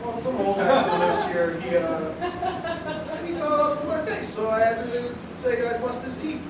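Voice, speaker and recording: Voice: mid-range voice, lively intonation, moderate pace, lightly acted. An actor playing a nerdy, cowardly teenage boy with an anxious, dramatic manner in a comedy sketch. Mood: boastful. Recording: echoey, noisy, far from mic.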